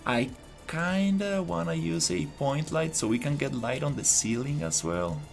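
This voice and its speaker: Man streaming game work, gravelly voice. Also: on the high side, measured pace, faint music behind. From Costa Rica. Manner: relaxed, thinks aloud with many fillers and restarts. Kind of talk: casual live-stream commentary.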